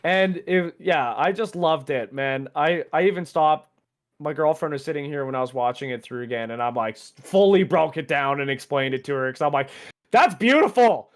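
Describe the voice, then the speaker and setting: A young man co-hosting a podcast, talking excitedly and swearing casually in a relaxed movie discussion. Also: a little high, fairly quick. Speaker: podcast co-host.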